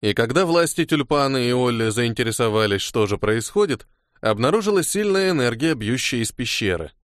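A man voicing a calm, knowing young hero. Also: mid-range voice, a little fast, no echo, clean studio sound, lightly acted. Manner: calm, matter-of-fact.

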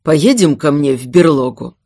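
Woman doing a steady, protective duke. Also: moderate pace. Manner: low, steady, curt. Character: protective noble duke, strong and calm man.

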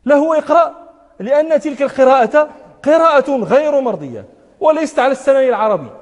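A man's voice: very high-pitched, darkish tone, in a large hall. A man teaching a religious lesson, emphatic, repeating words for stress and chanting his quotations. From Morocco. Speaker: sheikh teaching hadith commentary.

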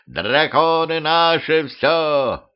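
A man's voice: mid-range voice, slow pace, clear, resonant tone, muffled recording, close to an everyday voice. A man voicing a drunk, cheerful old man who hollers and slurs. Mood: drunk glee. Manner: tipsy, hollering.

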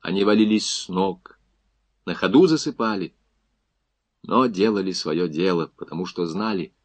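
A man reading an audiobook in an expressive, measured storytelling manner. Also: low voice, no room sound. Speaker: audiobook narrator. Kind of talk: scripted audiobook narration.

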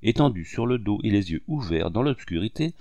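Male audiobook narrator, literary, expressive, low voice with a lively lilt, dry. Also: fairly quick, no echo.

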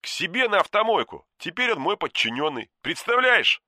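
A man's voice: high voice, big pitch swings, normal speed, bright, forceful tone, dry recording, clean studio sound, voice pushed up, full character voice. A man voicing Anton, a cocky, touchy young man who talks in a chatty, sly way. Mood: boastful. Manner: chatty, sly, easily offended. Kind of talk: audiobook character voice.

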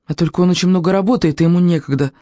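A reader voicing Katya, a shy, soft-spoken orphan girl in an audiobook. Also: mid-range voice, rapid-fire, no room sound, studio quality, natural voice. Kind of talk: audiobook character reading.

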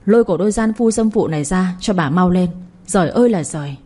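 A woman voicing a harsh, domineering older mother-in-law who shouts insults at her household. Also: on the low side, expressive, fairly quick. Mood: furious.

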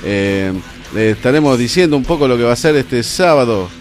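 A man's voice: medium pitch, lively intonation, normal speed. A man with a Rioplatense Spanish accent hosting a casual radio show from a studio, laying out the show's details with easy fillers.

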